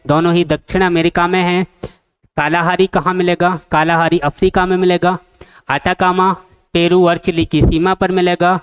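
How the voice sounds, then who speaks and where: A man's voice: high voice, clear, resonant tone. A man teaching an exam-prep geography lesson, asking the class questions and repeating the answers. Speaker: coaching teacher.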